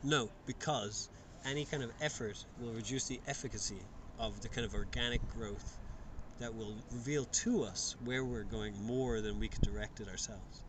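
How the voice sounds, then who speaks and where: A man's voice: mid-range voice, moderate pace. Blunt, joking man on a noisy podcast. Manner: joking, blunt, swears freely. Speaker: podcast co-host. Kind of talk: casual podcast chat.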